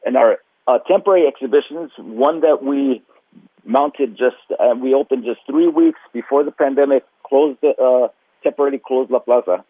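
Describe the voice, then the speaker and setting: Over a tinny phone line, a museum's marketing director answers radio interview questions haltingly, with many fillers and restarts. His voice is medium-pitched and the recording is dry.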